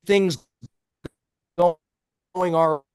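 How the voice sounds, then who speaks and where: A man's voice: high-pitched, steady tone, extremely slow, darkish tone, clear, resonant tone, no echo, studio quality. A man hosting a casual podcast chat, speaking earnestly, his voice cutting out over a bad call connection. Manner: earnest, thinking aloud with restarts. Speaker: podcast host.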